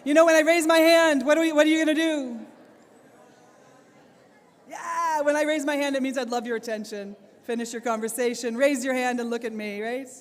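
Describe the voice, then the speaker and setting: A woman's voice: sits high, steady tone, a little fast. Woman speaker in a reverberant hall. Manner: engaging, asks the audience questions, laughs often. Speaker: plenary speaker, teacher trainer. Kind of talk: conference talk to teachers. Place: large conference hall.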